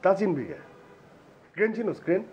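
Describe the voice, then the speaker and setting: An actor playing a boastful, bossy young would-be film director in a TV drama. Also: male voice, high voice, expressive, a little mellow, lo-fi sound, a little hiss or hum. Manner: boastful, bossy, fast-talking. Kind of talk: TV drama acting.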